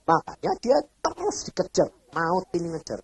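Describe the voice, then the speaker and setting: Husky, animated male evangelist, storytelling sermon, old cassette sound. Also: high voice, moderate pace. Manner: animated storytelling with wide swings between loud and soft; asks the congregation rhetorical questions. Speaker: evangelist preacher.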